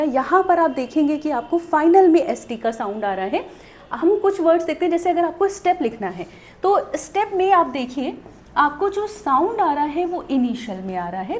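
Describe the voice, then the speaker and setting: A woman with a high, very lively voice teaches a shorthand lesson. She walks through each step and poses questions to the viewer, then answers them. Her speech is a steady classroom explanation. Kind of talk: video lesson.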